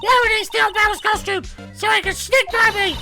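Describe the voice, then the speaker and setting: A cranky old woman guard scolds at the top of her voice, pitched very high and piercing. Her tone is bright and sharp, and she rants without pause. Game music plays behind her. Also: steady tone, gravelly, exaggerated voice. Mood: ranting, scolding. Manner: scolding, ranting.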